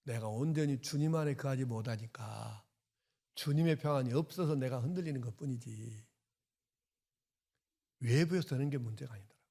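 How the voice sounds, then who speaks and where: A man pastor preaching a sermon, emphatic and passionate, swinging from loud to hushed. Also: medium pitch, moderate pace, gravelly, long pauses, breathy edge.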